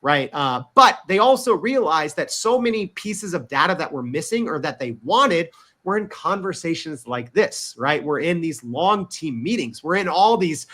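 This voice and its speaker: A man's voice: fairly high pitch, expressive, normal speed, bright, forceful tone. A man speaking as a podcast guest in an interview, emphatic and peppering his talk with "right?" and "you know". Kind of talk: interview conversation.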